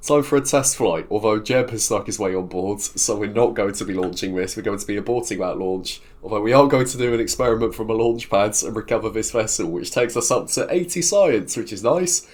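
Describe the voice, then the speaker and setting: This gaming video host talks fairly quickly with hardly any pauses, his low, darkish voice thick with a cold. Cheerful and chatty, he rambles on as he builds and narrates in casual gameplay commentary for his video game series.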